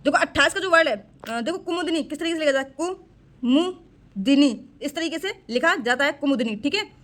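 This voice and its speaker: A woman's voice: high voice, animated, fast, fairly bright tone. A woman with a Hindi accent teaching a spelling lesson for exam prep, repeating each word and quizzing the class as she goes. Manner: repeats words with quiz-style questions.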